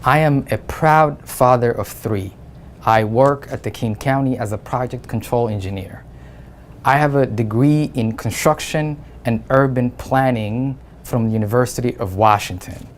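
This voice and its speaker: A man's voice: medium pitch, normal speed, a little hiss or hum. Earnest man giving a campaign statement. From Somalia. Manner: earnest, plain phrasing with some hesitant fillers. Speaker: city council candidate.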